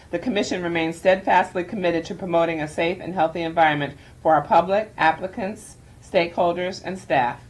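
An older woman chairing a county planning board meeting, reading formal opening remarks at a measured pace with frequent ums from a boardroom desk microphone. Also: on the low side. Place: government boardroom, indoors.

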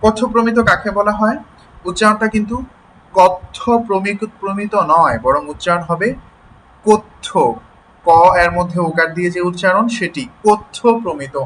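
A man's voice: sits high, pushed and bright, slight background noise, rough recording. A man teaching an online class. He explains patiently, spells words out sound by sound, and keeps checking that his students follow. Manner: explains slowly, checks in with "ঠিক আছে?".

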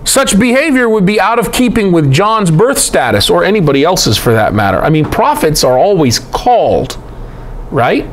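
American male Bible teacher, lecture style, chatty asides, animated pitch, faint background noise. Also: normal speed. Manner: animated, conversational asides to listeners.

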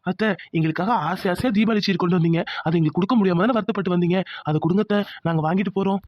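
A woman's voice: fairly low pitch, rapid-fire, no echo, lo-fi sound, close to an everyday voice. A woman voicing an insistent young village husband in a cartoon. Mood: respectful. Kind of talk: cartoon voice acting.

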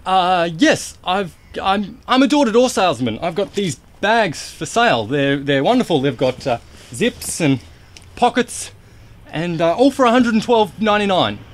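A man in his twenties playing a nervous, hopeful door-to-door seller who stammers through his pitch. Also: very animated, moderate pace. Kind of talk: naturalistic short-film acting. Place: outdoors in a leafy front garden.

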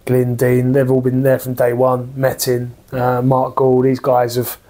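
A man's voice: medium pitch, monotone, measured pace, warm tone. A man in his thirties, a football manager giving a post-match interview, talking earnestly with many restarts and fillers in a small office.

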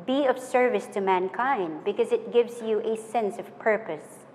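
Young woman, commencement speaker, earnest and measured, lapel mic in a reverberant room. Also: mid-range voice, a little mellow. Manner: measured, earnest, list-like delivery. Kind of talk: formal graduation speech. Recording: hall reverb with faint noise.

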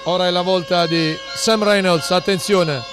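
A man giving live football commentary, dramatic and building to excited goal calls. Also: sits high, a little slow. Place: outdoor football ground. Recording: outdoor stadium with crowd and music behind. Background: crowd and music.

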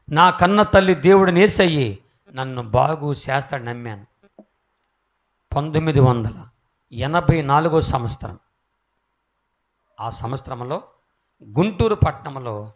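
A man giving his life testimony as a preacher, swinging from hushed, quiet passages to loud, emphatic calls to the crowd. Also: medium pitch. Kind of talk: testimony sermon.

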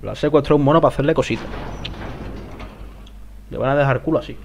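A man doing casual let's play commentary, talking to himself, swearing often, with sudden excited outbursts. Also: mid-range voice, fast talker, noisy background. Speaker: gameplay commentator.

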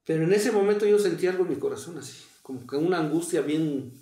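A middle-aged man with a Mexican accent telling a painful personal story in a halting way, repeating words as he relives it. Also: fairly high pitch, dark tone, roomy sound. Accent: Mexican Spanish. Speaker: interview guest. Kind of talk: emotional personal testimony.

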